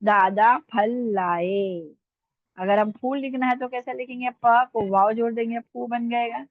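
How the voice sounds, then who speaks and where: A woman's voice: fairly high pitch, steady tone, moderate pace, dry recording, phone-quality sound. A woman teaching Urdu script in an online lesson, spelling words out letter by letter in a patient way.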